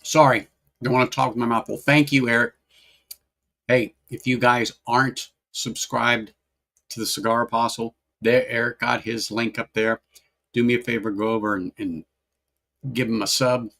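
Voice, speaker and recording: A man with a gravelly, creaky voice hosts a laid-back whiskey livestream. He talks in a loose, rambling way, doubling back on phrases and greeting viewers in the chat by name. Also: mid-range voice, fairly even intonation, moderate pace, a bit bright.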